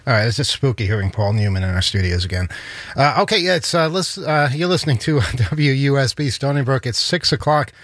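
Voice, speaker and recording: A man casually opens a live radio show. His pitch is medium, and he sounds amused and halting as he goes. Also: lively intonation, a bit bright, no echo.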